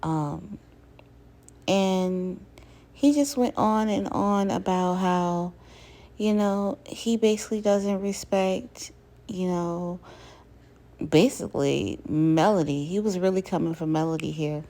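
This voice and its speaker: Speaking slowly in a warm, fairly low voice, a woman recaps a reality show as a commentator. Her talk is casual and chatty, loaded with filler words and imitated quotes from cast members.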